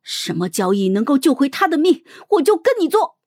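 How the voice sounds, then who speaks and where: A woman voicing a proud, bitter young noblewoman who talks in a scornful, sharp way in an audiobook. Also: mid-range voice, very animated, unhurried, husky, no room sound, clean studio sound. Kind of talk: audiobook character voice.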